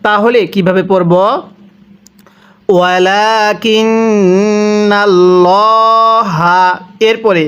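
A man teaching Quran reading in a lesson, spelling out letters and vowel marks one by one before reciting each word slowly, with a Bangladeshi Bengali accent. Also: high-pitched, lo-fi sound.

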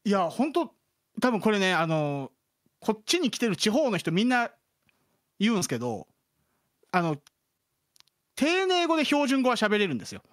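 A man's voice: high-pitched, wildly swooping pitch, normal speed, pauses often, a bit bright. A man from the Kansai region of Japan, a guest chatting casually with many fillers and self-deprecating asides. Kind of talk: casual chat.

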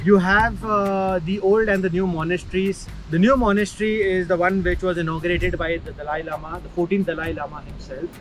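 Man, Indian English accent, enthusiastic travel vlogger, fairly high voice, music behind. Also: fairly even intonation, fairly quick, hardly any pauses, poor audio. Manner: enthusiastic, recommending places to viewers. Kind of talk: travel vlog narration. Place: outdoors in windy mountains.

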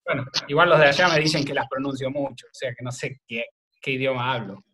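An Argentine man, a video maker, answering interview questions in a relaxed, rambling way full of fillers. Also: medium pitch, fast. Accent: Argentine Spanish. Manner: rambling, thinks aloud with many fillers. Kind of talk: casual remote interview conversation.

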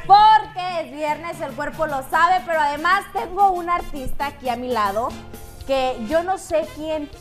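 A woman's voice: high-pitched, measured pace. A young woman hosting a TV music show, teasing and playful in studio banter. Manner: playful, teasing, laughs often. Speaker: TV show host. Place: TV studio set. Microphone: lapel mic.

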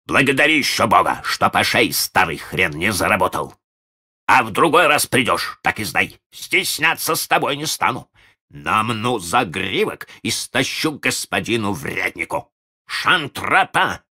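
A man's voice: fairly low pitch, sing-song, unhurried, pushed and bright, breathy edge, pitched above the performer's own voice, exaggerated voice. A man voicing a gloomy, coarse yard-keeper chasing people off with threats. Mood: threatening.

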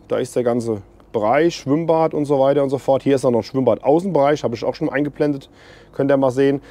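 A man's voice: medium pitch, warm tone. A man in his forties walking around a campground, chatting casually to viewers about what it offers. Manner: chatty, opinionated, addresses viewers directly. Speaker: camping vlogger. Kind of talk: casual walk-and-talk review. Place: outdoors on a campground. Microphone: small clip mic on hoodie, camera held at arm's length.

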